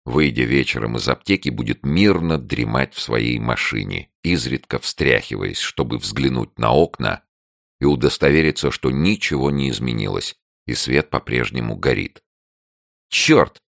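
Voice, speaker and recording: A man with a very deep, gravelly voice reads a novel aloud. His delivery swings with lively, expressive intonation. The sound is dry and close to the mic. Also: normal speed, no echo. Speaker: audiobook narrator. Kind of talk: scripted narration.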